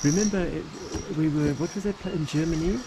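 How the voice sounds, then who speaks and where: A man narrating a casual travel vlog in a halting, rambling way, with plenty of ums. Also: a little high, background noise. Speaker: travel vlogger.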